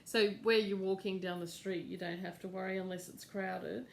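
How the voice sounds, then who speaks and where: A woman's voice: mid-range voice, fairly even intonation, normal speed, gravelly, a little hiss or hum. A middle-aged woman, hosting a crafts channel in a casual, rambling chat at home with lots of fillers. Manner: chatty, rambling, with fillers and laughs. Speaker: cross-stitch channel host.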